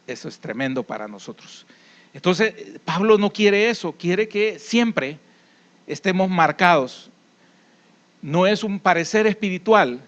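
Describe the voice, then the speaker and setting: Salvadoran guy preaching, high voice, chatty stories, muffled lo-fi sound. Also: a bit bright. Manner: conversational preaching with folksy anecdotes and tag questions. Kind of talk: sermon.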